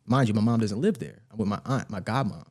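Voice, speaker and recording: A young man, a podcast guest, tells a personal story in casual conversation, speaking quickly in a voice on the low side. He's animated and acts out the voices of the people in his story.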